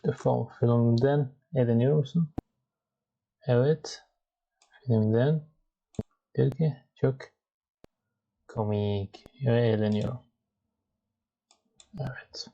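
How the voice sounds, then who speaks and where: A man's voice: mid-range voice, extremely slow, gravelly, long pauses, warm tone, highs cut off. A man teaching English grammar, explaining each exercise step by step. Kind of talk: bilingual grammar lesson.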